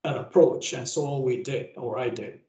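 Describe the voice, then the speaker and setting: A man in his fifties, speaking at a middling pitch as a guest lecturer. His talk wanders and loops back on itself, and his voice rings around a roomy, echoing space over a video call. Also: normal speed, mellow. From Venezuela. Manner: rambling, with frequent self-restarts and tag "okay?". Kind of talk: conversational lecture. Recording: roomy echo.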